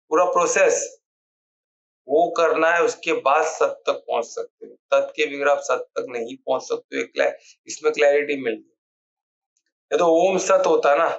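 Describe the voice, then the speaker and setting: A man with a slightly high voice gives a conversational spiritual discourse, posing questions to his listeners and answering them himself. He often circles back to repeat key words as he explains. The recording sounds a little dull and lo-fi. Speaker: spiritual teacher explaining scripture. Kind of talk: informal Hindi discourse on scripture.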